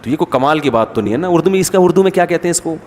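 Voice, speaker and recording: Higher-voiced man lecturing in a reverberant hall. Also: expressive, darkish tone, slight background noise. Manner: wry, mimics quarrelling relatives in voices. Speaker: Islamic scholar giving a talk. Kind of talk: conversational religious lecture.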